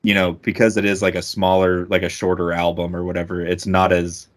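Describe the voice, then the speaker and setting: A young man co-hosting a music podcast, talking excitedly, swearing often and tripping over his words in casual chat. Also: sits low, a little fast. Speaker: podcast co-host.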